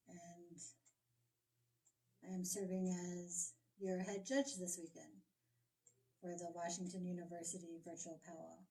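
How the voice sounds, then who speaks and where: A woman's voice: mid-range voice, dark tone. A woman from South Dakota giving a video address as a powwow head judge. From South Dakota, USA. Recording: distant microphone.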